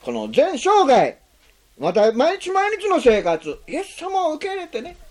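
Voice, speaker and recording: A pastor delivers a sermon with an extremely animated, swooping pitch. The preacher keeps putting questions to the listeners and drops short tag words between phrases, drawing out key words and then hurrying through the explanations. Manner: rhetorical questions to the congregation; slows on key phrases, speeds up when explaining.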